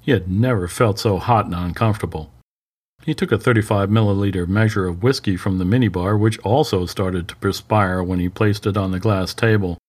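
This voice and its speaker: A man narrating a crime story in a measured, even storytelling voice, lightly voicing the characters. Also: fairly low pitch.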